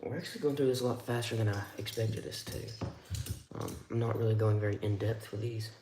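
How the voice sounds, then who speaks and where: A man's voice: lowish voice, steady tone, brisk, echoey room, noisy background. A man streaming live, giving casual, rambling commentary with wry remarks as he handles tools.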